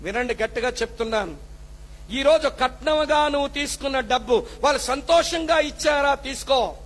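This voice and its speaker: A man's voice: extremely high pitch, normal speed, a bit bright. A male pastor, preaching a fervent sermon and scolding the congregation with rhetorical questions.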